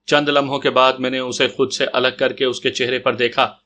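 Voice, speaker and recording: A man narrating a detective audio story in the first person with steady, scripted storytelling. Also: mid-range voice.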